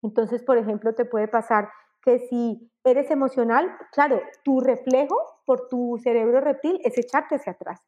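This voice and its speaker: Animated woman, mellow voice, dull sound. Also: a little high, normal speed, hardly any pauses. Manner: animated, acts out examples with exclamations. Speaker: enneagram guest expert. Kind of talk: explanatory conversation.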